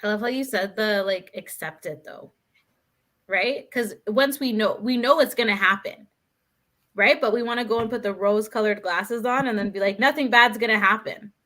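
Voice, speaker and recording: A woman speaking as a guest, telling a story in a chatty, animated way with many "like"s and "right?"s. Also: medium pitch, moderate pace. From Canada. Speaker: guest, author. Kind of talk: casual conversational storytelling.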